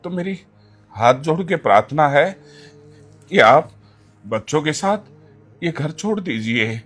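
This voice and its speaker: A man playing a grave, slow elderly father-in-law. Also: a little high, animated, soft background music. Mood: sorrowful. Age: older. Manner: slow, grave pleading that erupts into shouting. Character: stern elderly father-in-law, wounded pride. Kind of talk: amateur family drama.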